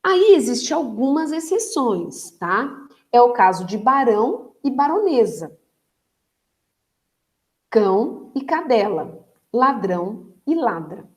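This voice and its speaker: A Brazilian woman teacher giving a recorded grammar lesson, patient and explanatory, checking understanding with quick tag questions and stretching words to stress their syllables. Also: on the high side, very animated. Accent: Brazilian Portuguese.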